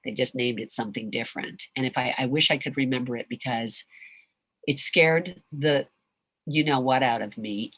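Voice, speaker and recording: A Canadian voice actress answers questions as a guest in a casual video-call Q&A, speaking in a notably low, husky voice. She's animated and rambling, often restarting sentences, at a moderate pace, and her audio is close and dry with no room sound.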